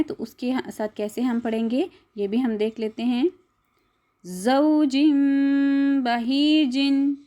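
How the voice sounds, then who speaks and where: A woman's voice: fairly high pitch, mellow. A woman teaching a Quran recitation lesson step by step, spelling out syllables, drawing out the recited words and asking listeners to repeat after her.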